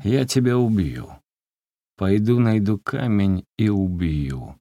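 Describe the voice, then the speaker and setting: A man reading a story aloud, voicing a drunk peasant man who wails, weeps and threatens in a slow, drawn-out way. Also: lowish voice, lively intonation, no echo. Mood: hoarse menacing. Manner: wailing, shouting, drawn-out. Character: drunk, grief-crazed peasant man, weeping and menacing.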